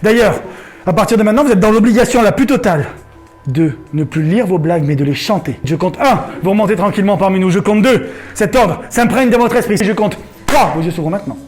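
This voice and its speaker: A man hosting a comedy hypnosis show, giving slow, calming commands. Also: high-pitched, soft background music. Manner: slow soothing inductions, laughing banter. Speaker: stage hypnotist and host.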